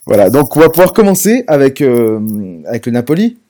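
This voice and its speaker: A man's voice: medium pitch, big pitch swings, brisk, dark tone. A man hosting a casual sports podcast, hesitant with many fillers and restarts. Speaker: podcast host.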